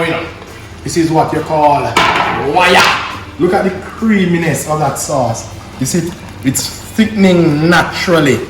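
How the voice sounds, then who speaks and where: A man with a Jamaican accent hosting a casual cooking demonstration in an exclamatory, savouring way, often repeating words for emphasis. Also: on the high side. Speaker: cooking show host. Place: indoor kitchen. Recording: echoey room, music behind.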